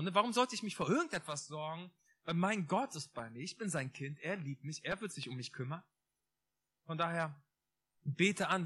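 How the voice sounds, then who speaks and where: A man preaching a lively, informal sermon, talking straight to his listeners and repeating key phrases for emphasis. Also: fairly high pitch, slightly rough. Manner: emphatic, repeats phrases, laughs at own jokes; addresses listeners directly, informal asides.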